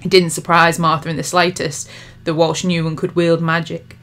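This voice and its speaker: A woman narrating her own novel in an expressive, measured storytelling manner. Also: low voice. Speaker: author reading her novel. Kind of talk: audiobook narration.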